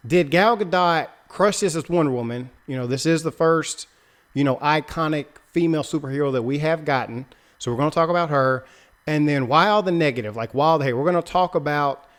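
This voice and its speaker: A man hosting a casual podcast, introducing guests in a loose, jokey way with plenty of fillers. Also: fairly high pitch. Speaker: podcast host.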